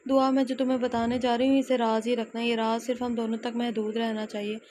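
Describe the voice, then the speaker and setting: A caring elderly grandmother from an audio romance novel, read by a woman. She speaks gently and confidingly, in a rather high, flat voice. A faint hiss lies under her. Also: fairly quick, natural voice.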